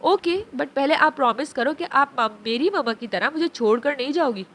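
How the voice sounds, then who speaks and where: A woman's voice: sits high, expressive, normal speed, a bit bright, a little hiss or hum. A woman doing a sweet little grieving girl. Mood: excited. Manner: sweet pleading childlike voice. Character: small grieving girl, innocent and eager.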